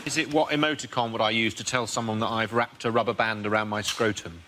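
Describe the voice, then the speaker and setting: A man's voice: fairly low pitch, fairly even intonation, fast talker. A man, a comedy panellist, who plays a running joke, persistent and playful. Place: TV studio with audience. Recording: loud audience laughter, noisy.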